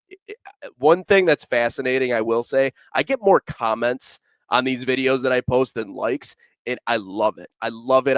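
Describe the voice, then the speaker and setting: A man's voice: medium pitch, no echo. A man hosting a sports podcast in casual talk, rambling a little as he reads listener comments. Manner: conversational, many fillers and restarts, reads out comments. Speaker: podcast host.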